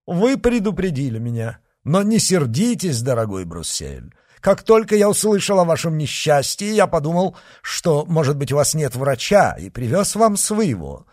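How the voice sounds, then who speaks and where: A man voicing an excitable high-born French prince who talks in an eager, fussing rush. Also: normal speed, few pauses, no echo, studio quality.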